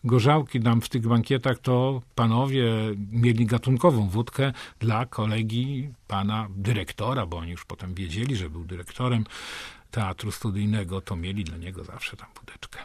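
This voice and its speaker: An older man reminiscing about a late poet friend with hesitant fillers, then reading a poem slowly and deliberately. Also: on the low side, a little mellow, slightly rough, dry recording. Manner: slow, measured reading with hesitant fillers in talk. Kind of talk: recalling anecdotes and reading poetry aloud.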